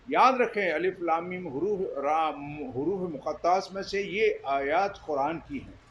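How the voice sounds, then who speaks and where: A man with a high voice preaches a sermon. He is emphatic and often turns to the listeners with questions. Faint background noise sits under his voice. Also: poor audio. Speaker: Islamic preacher. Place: Jeddah.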